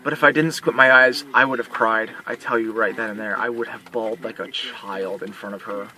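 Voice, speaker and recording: A man's voice: lowish voice, fairly even intonation, a little fast, bright, forceful tone, low-quality recording. A young man talking to camera in a casual vlog, sincere and emotional, rambling with many restarts. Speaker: vlogger who works as a mall Santa.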